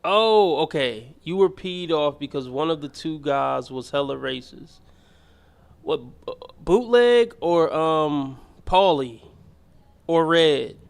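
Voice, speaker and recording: Male stream host, casual slangy rambler, slightly raised pitch. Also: lively intonation, takes it slowly, vocal fry, clear, resonant tone. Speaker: livestream host. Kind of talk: casual chat reacting to chat and a clip.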